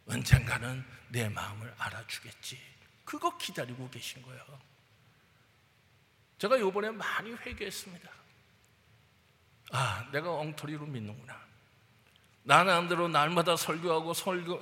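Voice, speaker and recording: A male pastor preaching a sermon to his congregation, animated, swinging between loud emphasis and hushed asides. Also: fairly high pitch. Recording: long hall reverb.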